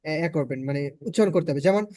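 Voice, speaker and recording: A man's voice: a little high, fast talker, dark tone, no echo, clean studio sound. A man with a Bangladeshi Bengali accent teaching an online spoken English class, patiently repeating his points for learners.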